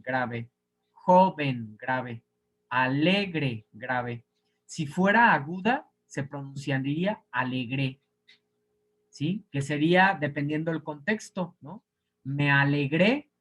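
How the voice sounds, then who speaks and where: A man's voice: on the high side, fairly bright tone. Patient male teacher sounding out words. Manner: patient, explains step by step, sounds out words syllable by syllable. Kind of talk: online class lecture.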